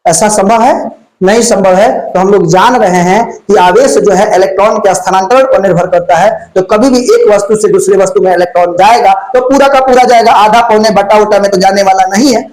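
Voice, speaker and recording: High-voiced physics teacher. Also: male voice, a little fast, a little mellow, rough recording. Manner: folksy, asks and answers his own questions. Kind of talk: exam-prep lecture. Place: classroom with lights on, insects flying around.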